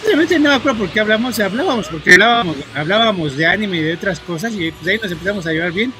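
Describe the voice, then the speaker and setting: A man from Mexico with a Mexican accent, chatting to viewers while he plays, rambling, filling every pause with "este" and swearing at the game in bursts. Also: sits high, animated, noisy background. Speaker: gaming streamer. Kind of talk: casual gameplay commentary to viewers. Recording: loud game music under the voice. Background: game music.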